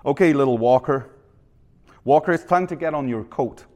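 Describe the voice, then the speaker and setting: A man's voice: medium pitch, moderate pace, a little mellow, close to an everyday voice. A man voicing a patient father answering his small child, in a light put-on accent during a sermon. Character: harried human father coaxing his small son.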